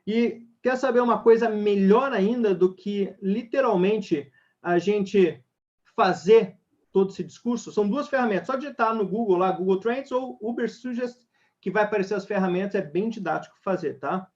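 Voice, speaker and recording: High-voiced energetic man teaching sales. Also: normal speed. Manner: energetic, talks straight to the audience. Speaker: sales trainer. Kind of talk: online webinar talk. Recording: dull lo-fi webinar audio.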